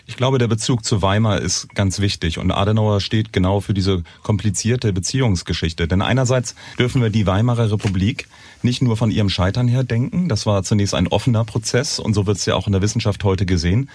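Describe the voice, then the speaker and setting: A man's voice: on the low side, a little fast, a little mellow. A man speaking as a guest historian in a panel discussion, fluent and explanatory, laying out points in a row.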